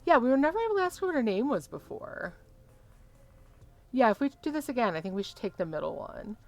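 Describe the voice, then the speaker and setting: A woman's voice: fairly high pitch, very animated, fast, a little mellow. A woman commentating casually on a game as a streamer, reading dialogue choices aloud. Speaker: gaming streamer.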